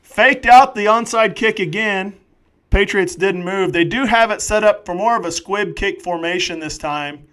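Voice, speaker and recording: A man doing live play-by-play football commentary, excitable and jokey with rambling asides. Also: sits high, moderate pace.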